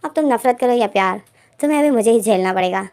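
A woman's voice: on the high side, lively intonation, quick pace, darkish tone, lightly acted. A woman voicing a confident, teasing young man in a storybook reading, bossy and playful toward his partner.

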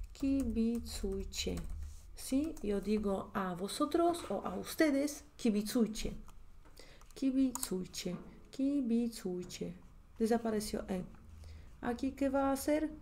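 Slow, mellow-voiced Polish woman teaching grammar. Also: on the high side, lively intonation, a little hiss or hum. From Poland. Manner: slow, musing, repeats words while checking them. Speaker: language teacher. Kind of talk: thinking-aloud lesson preparation.

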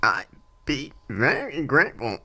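A male voice playing a polite lipless creature in a game, with a synthetic-sounding robotic voice that is gravelly, hard to understand, and stilted and formal in its phrasing. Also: mid-range voice, sing-song, measured pace, sharp tone, full character voice.

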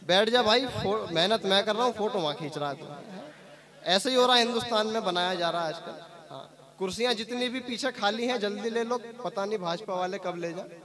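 High-pitched man joking on stage. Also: a little fast. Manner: chatty, teasing, keeps assuring the audience he is telling the truth. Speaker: stand-up poet. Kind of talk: live comic poetry stage patter. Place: poetry gathering stage before a live audience. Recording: lively crowd reacting behind.

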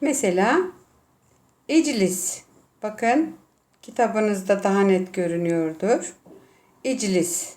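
A woman teacher with a Turkish accent, slowly explaining Arabic vowel marks and sounding out letters one by one. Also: medium pitch, darkish tone. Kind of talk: classroom lesson.

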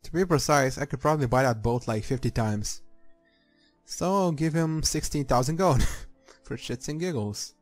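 A man's voice: mid-range voice, animated, moderate pace. A man giving casual, sweary playthrough commentary, reacting aloud as he plays a game. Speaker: gamer. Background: game music.

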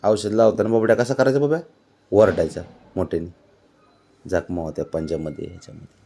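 A man's voice: low-pitched, steady tone, brisk, mellow. A man chatting with his pet cat in a doting, coaxing way and asking it the same questions again and again. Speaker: cat owner. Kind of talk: casual talk to a pet cat.

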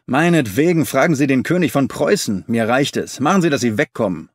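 A man voicing an angry male market dealer who shouts and blusters at a pest, in an audiobook reading. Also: on the high side, unhurried, no room sound, studio quality, pitched above the performer's own voice, natural voice. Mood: furious. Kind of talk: audiobook character voice.

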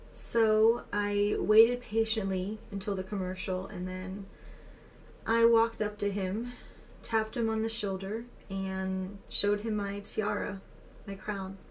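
A woman in her twenties acting a dramatic monologue as a wistful, sorrowful young woman, with a tender, halting delivery. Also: medium pitch, darkish tone, lightly acted. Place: plain indoor room. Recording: distant mic, faint room noise.

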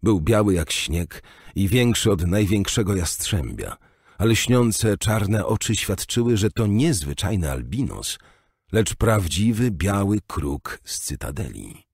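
Deep husky male audiobook narrator. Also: slow, dry recording, clean studio sound. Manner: expressive storytelling with wide pitch. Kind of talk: scripted narration.

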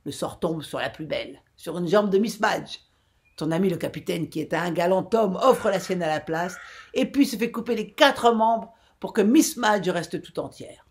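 A woman's voice: normal speed, vocal fry. A woman reading aloud, voicing a mocking old sailor who teases in a raised, laughing voice. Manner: laughing, teasing, high and loud.

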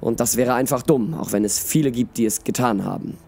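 A man voicing a calm male necromancer in a read-aloud storybook, speaking in a measured, hesitant way. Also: mid-range voice, gravelly, slightly rough. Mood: explaining.

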